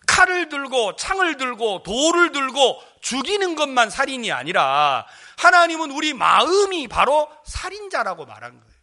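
A pastor from Jeolla preaching to a congregation, telling stories with animated acted-out dialogue and asking the listeners questions. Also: male voice, very high voice. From Jeolla, South Korea. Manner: animated storytelling, acting out quoted speech, questioning the congregation. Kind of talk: sermon.

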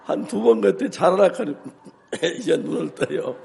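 An older man, a pastor, preaching with humor and telling animated stories, acting out his own shouts and both sides of a quarrel. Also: high voice, normal speed, creaky. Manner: animated storytelling, acts out shouts. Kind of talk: humorous sermon.

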